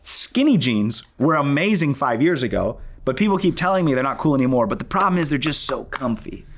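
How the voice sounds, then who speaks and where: A young man hosting a youth ministry show in casual chat, animated and upbeat, building up hype. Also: medium pitch, brisk.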